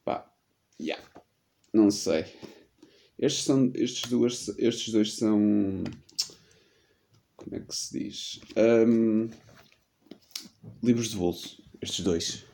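A man's voice: fairly low pitch, extremely slow, vocal fry, pauses often, mellow. A man in his late twenties with a European Portuguese accent, hosting a solo podcast in a rambling, slangy, self-deprecating storytelling manner while getting over a cold. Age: 20s. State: sick with a cold. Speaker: podcast host. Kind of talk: casual solo podcast chat.

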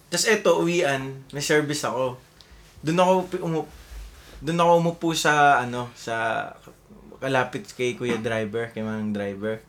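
A man's voice: medium pitch, fairly even intonation, normal speed. A young man from the Philippines, co-hosting a casual podcast chat, rambling through a childhood story with frequent laughs and calling his friends bro. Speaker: podcast co-host.

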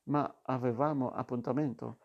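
A man reading the lines of a sly young woman who models for a painter, in a storybook, soft and flat. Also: medium pitch, normal speed, vocal fry, highs cut off. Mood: coaxing.

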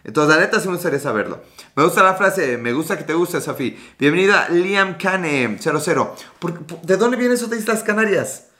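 Casting note: Mexican male streamer, late 30s, bright, slightly high voice, rambling and profane. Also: lively intonation, fairly quick. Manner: rambling, scattered, swears often. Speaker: livestream host. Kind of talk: casual live chat reading comments.

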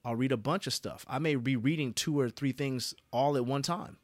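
A man's voice: medium pitch, normal speed, dry recording. Earnest man giving a motivational talk. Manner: repetitive, earnest, says "you dig?". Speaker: podcast host.

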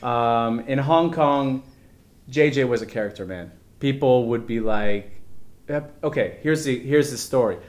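A man hosting a podcast, asking questions and telling stories in a relaxed, chatty way. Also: medium pitch, a little slow. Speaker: podcast host. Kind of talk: casual interview.

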